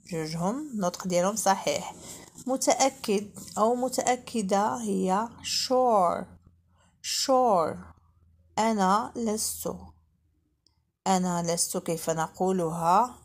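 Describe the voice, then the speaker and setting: Moroccan woman, patient English teacher drilling beginner phrases at a crawl, mid-pitched voice. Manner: repeats each phrase slowly and deliberately for learners. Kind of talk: beginner language lesson.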